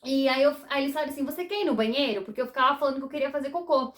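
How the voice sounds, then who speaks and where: A young Brazilian woman with a Brazilian Portuguese accent, telling her viewers a personal story in a chatty, animated way. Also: high voice, very fast. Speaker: vlogger.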